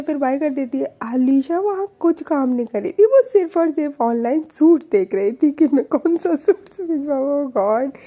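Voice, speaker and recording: A woman telling a love story in a casual, chatty way, adding her own lively asides. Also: sits high.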